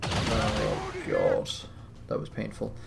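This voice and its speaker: Tired guy narrating his game, kinda gravelly, dry jokes, music under it. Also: on the low side, takes it slowly. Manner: relaxed, wry, thinking aloud. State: tired, yawning. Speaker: gameplay commentator. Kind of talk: casual let's-play commentary. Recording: music playing behind.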